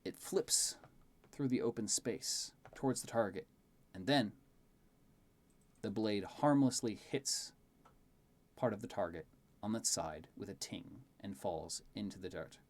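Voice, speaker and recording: Male game master, lowish pitch, narrating tabletop fantasy scenes. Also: a little slow, darkish tone.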